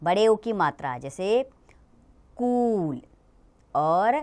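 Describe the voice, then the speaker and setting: Smooth-voiced woman teaching children. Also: mid-range voice, expressive. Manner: slow, patient, explaining to children. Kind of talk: children's grammar lesson.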